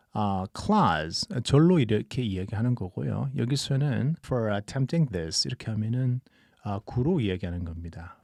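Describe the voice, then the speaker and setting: A man teaching English as a channel host, explaining calmly and patiently and drawing out the example sentences in a relaxed, podcast-style lesson. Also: lowish voice, creaky, no room sound, studio quality.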